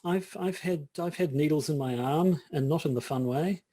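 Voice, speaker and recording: His voice sits on the high side and sounds mellow, moving at normal speed. This middle-aged podcast co-host has a New Zealand accent and chats casually but hesitantly, with many false starts, restarted sentences and repeated words.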